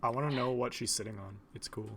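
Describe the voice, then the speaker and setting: A man's voice: mid-range voice, fast talker. Wry man over keyboard clatter. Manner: dry, wry remarks. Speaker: podcast co-host. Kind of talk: casual chat. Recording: noisy mic with keyboard typing.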